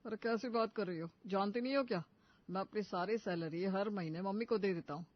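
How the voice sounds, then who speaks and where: A woman voicing a dutiful husband and loyal son in an animated story, who talks in a firm, dismissive way at a lowered pitch. The sound is dull and lo-fi. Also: a little fast, natural voice.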